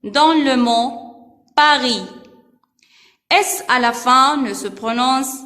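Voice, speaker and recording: Lady teacher sounding out letters super slow, echoey room. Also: sits high, sharp tone. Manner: slow, deliberate, repeats each syllable. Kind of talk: slow reading lesson for first graders. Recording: echoey room with long reverb.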